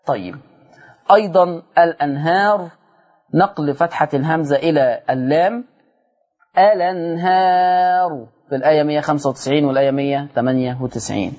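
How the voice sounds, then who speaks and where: A man with an Egyptian accent teaching Quran recitation, his voice sitting somewhat high. He moves between quick explanations and long, drawn-out recited words. The audio is dull and lo-fi, like an old broadcast recording. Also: a little mellow. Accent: Egyptian Arabic. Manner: brisk explaining broken by slow drawn-out recitation of example words. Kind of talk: televised recitation lesson.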